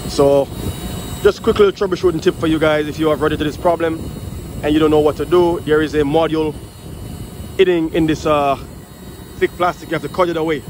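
A channel-hosting HVAC technician works through a hands-on repair at a rooftop unit, chatting casually with lots of fillers. His slightly high, somewhat mellow voice is fairly even and fairly quick with frequent pauses, recorded on a one-handed phone camera amid heavy outdoor noise and passing aircraft.

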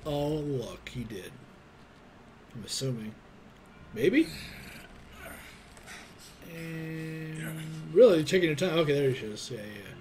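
An American reaction video host in his twenties, from Arizona, trades in casual, crude, joking commentary packed with swearing. His voice sits on the high side, and he speaks slowly with frequent pauses, excitable and given to muttered asides. He's in a small plain room indoors, with slight background noise and an animated short's soundtrack and music playing behind him.

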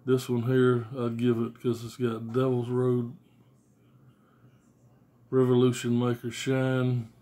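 Speaking slowly with long pauses, this forties American man has a medium-pitched, warm voice and a completely flat delivery. He reviews albums in a casual, unscripted vlog from a small room at home, blunt and slangy with swearing. The phone or tablet recording, made at arm's length, is noisy and has clicks.

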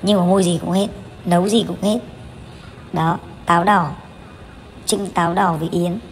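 Here a woman in her thirties gives casual voice-over for a family vlog, peppering it with fillers and self-corrections as she restarts lines. She speaks on the low side at a moderate pace with fairly even intonation, and there's a bit of background noise.

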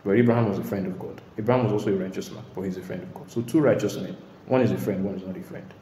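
A man preaching a sermon in an emphatic way, now and then bursting into shouts and laughter. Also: sits low, racing, slight background noise. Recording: echoey hall.

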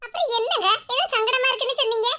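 In this cartoon, a woman voices a village wife who is worried and coaxing her husband, using a Kanyakumari Tamil accent. Her delivery is rapid-fire, extremely high-pitched and sharp in tone as she pleads and presses him with questions, and hiss fills the background.

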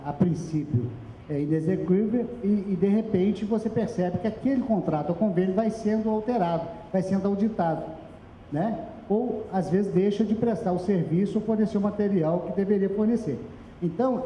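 A man's voice: sits high, dark tone, slight background noise. A middle-aged man with a Brazilian Portuguese accent, giving an emphatic seminar presentation into a handheld microphone. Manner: emphatic, gesturing, directs slide operator. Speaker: speaker at a public accounting seminar. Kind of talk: explanatory presentation. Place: small meeting room with audience. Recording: echoey room recorded from afar, dull.

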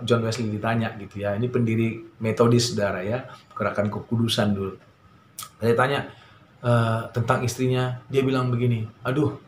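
Preaching man in a roomy hall. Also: medium pitch. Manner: conversational preaching with many fillers; animated storytelling. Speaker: pastor. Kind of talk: sermon. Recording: roomy echo, faint ambient noise.

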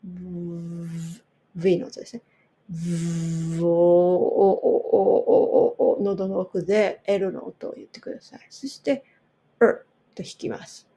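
A Japanese-speaking woman coaching English pronunciation, repeating each word slowly for drill. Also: on the low side, steady tone, mellow, breathy edge. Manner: slow, repeats words for drill. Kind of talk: pronunciation lesson.

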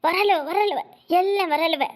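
A nagging old village mother in a cartoon, faking her own death while she grumbles about food and money. The voice sits very high and squeaky for an old woman. She scolds in a complaining, low-key way. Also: measured pace. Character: scheming old village mother playing dead. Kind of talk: cartoon voice acting.

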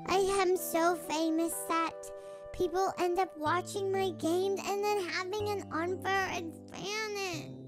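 A woman putting on the voice of a bragging, self-pitying little kid gamer. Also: extremely high pitch. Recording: music playing underneath.

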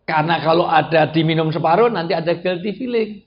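A man's voice: on the high side, fairly quick. A male preacher, giving a humorous religious lecture, joking with the audience and acting out the people he quotes. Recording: dull lo-fi sound with faint noise.

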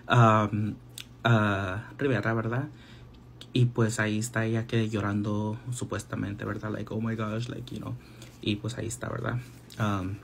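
A man's voice: fairly low pitch, gravelly, a bit bright, slight background noise. A man ranting casually as a vlogger. He slips English phrases into his talk and keeps tagging lines with a questioning aside. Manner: mixes English phrases into Spanish, often repeats "¿verdad?".

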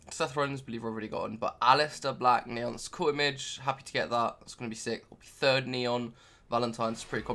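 A man's voice: medium pitch, bright, forceful tone. A young man giving casual, rambling commentary over his card-game footage, full of ums and offhand remarks. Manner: rambling, filler-heavy, offhand. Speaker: gaming YouTuber.

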